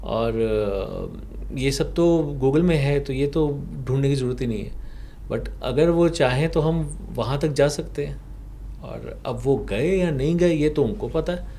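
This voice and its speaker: A man whose first language is Punjabi, a past life regression therapist in a podcast interview, recounting a client's session slowly with rhetorical questions. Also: mid-range voice, mellow, a little hiss or hum. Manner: slow, explanatory storytelling with rhetorical questions.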